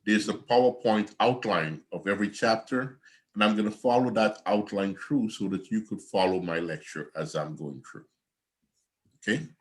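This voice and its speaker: Lowish and moderately paced, the voice comes from an older man from Guyana who teaches accounting. He rambles conversationally through an online lecture from home on a video call, often repeating himself and wandering off topic.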